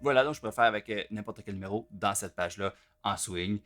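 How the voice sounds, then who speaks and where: A man giving a relaxed, conversational drum lesson, full of fillers. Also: lowish voice, fast, faint music behind. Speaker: drum teacher. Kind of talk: casual spoken instruction. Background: drum playing.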